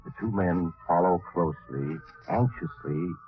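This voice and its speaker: A tinny vintage radio broadcast with music carries an ominous, suave male storyteller. His voice is deep and theatrically measured, with lively swings of pitch as he narrates suspense. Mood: grave, suspenseful. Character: eerie, suave male storyteller, the Mysterious Traveler. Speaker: narrator and host.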